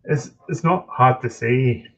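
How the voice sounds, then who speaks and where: Slow-talking Scottish man on a lo-fi stream. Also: medium pitch, a bit bright. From Scotland. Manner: halting, with frequent ums and restarts. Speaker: live streamer answering chat. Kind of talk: casual live-stream chat. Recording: dull lo-fi stream audio.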